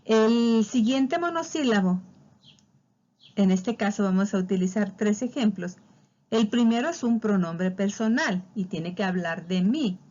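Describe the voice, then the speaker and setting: A woman's voice: medium pitch, measured pace, darkish tone, muffled recording. A woman teaching a spelling lesson, patiently walking through examples and drawing out key words. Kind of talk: spelling lesson explained over slides.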